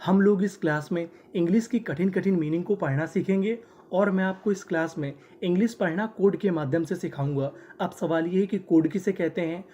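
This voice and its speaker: A man teaching a class, spelling words out slowly syllable by syllable and repeating them, asking questions and answering them himself. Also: sits high, mellow, lo-fi sound, a little hiss or hum. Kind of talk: classroom-style language lesson.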